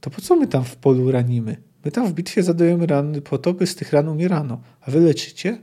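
A cold, menacing elf warrior who drags out every word with quiet threat, read aloud by a man. The voice sits a little high and stays mellow and soft-edged. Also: expressive, quick pace. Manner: drawling, sinister.

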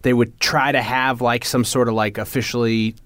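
A man's voice: mid-range voice, flat delivery, moderate pace, a bit bright, dry recording. A man co-hosting a movie podcast in loose, casual chat. He rambles, cracks jokes and laughs often, sounding a bit wired from coffee. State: jittery from coffee. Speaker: podcast co-host.

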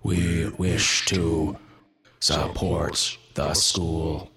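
A man voicing a calm, eerie wendigo creature, speaking very slowly in a story reading. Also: deep voice, creaky, breathy edge, full character voice. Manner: very slow, measured delivery.

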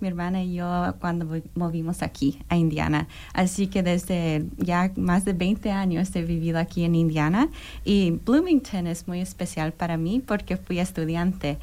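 A young woman from New York, a guest on an interview show, talking in an earnest, measured way with frequent hesitations. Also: lowish voice, a little mellow. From New York, United States. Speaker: guest, disaster program manager. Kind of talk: interview conversation.

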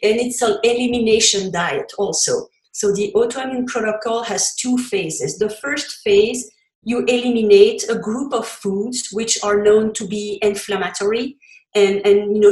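A Belgian woman with a French accent, a cookbook author appearing as a podcast guest, explains her ideas in a conversational interview, frequently using fillers and restarting her sentences. Her voice is middle-pitched, and the recording has a noticeable room echo.

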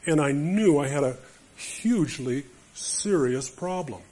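A man's voice: a little high, lively intonation, measured pace, warm tone, breathy edge. A man preaching a sermon to a group of men, emphatic and storytelling. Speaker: speaker to men.

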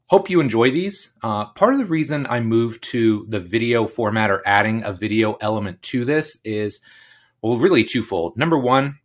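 A middle-aged man hosting his own podcast, talking casually and upbeat in a solo episode, laughing now and then. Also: medium pitch. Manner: chatty, upbeat, laughs often. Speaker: podcast host. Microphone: podcast microphone on video recording.

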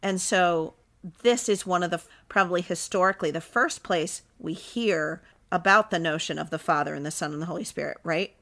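A woman co-hosting a religious podcast as ordained clergy, talking in a chatty, expressive way with jokey asides. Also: lowish voice, moderate pace. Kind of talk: casual religious podcast chat.

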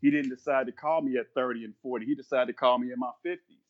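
Talking fast in an even, mid-range tone, this fifties-aged minister is a guest on a podcast, and his earnest speech circles back on itself and leans on Bible verses like a sermon. The audio has its high frequencies cut off.

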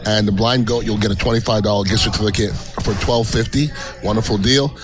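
Low-voiced man hosting a casual food show. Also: steady tone, fairly quick, music in the background. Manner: hesitant, rambling, repeats words. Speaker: radio show host and co-host partner. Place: restaurant, recorded on location.

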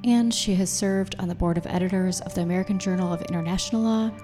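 A woman hosting a podcast, reading a scripted introduction in a measured, deliberate way and then asking interview questions. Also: fairly low pitch, fairly even intonation. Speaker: podcast host. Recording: reverberant room with music underneath.

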